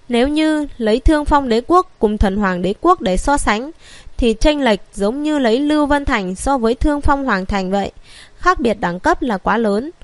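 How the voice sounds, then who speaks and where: Sex: woman. Role: audiobook narrator. Style: scripted narration, even and steady. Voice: fairly high. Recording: dry, close. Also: no room sound.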